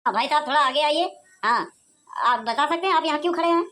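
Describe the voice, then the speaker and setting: A pushy cartoon TV news reporter, voiced by a woman talks in formal announcer patter. The voice sits high and stays close to her own. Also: fast, sharp tone.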